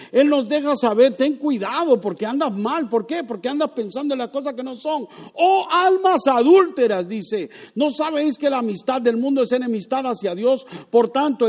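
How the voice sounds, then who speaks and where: High-voiced preacher man, soft to loud. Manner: dynamic preaching, swings from loud to hushed; asks the congregation questions, acts out voices. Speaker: pastor. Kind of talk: sermon.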